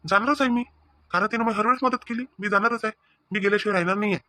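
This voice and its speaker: Cartoon: fed-up village husband, a man voicing him, high and fast, Vidarbha Marathi accent. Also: pushed and bright, no room sound, studio quality. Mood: arguing. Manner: arguing, threatening. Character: exasperated village husband, firm and loyal. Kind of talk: cartoon family comedy.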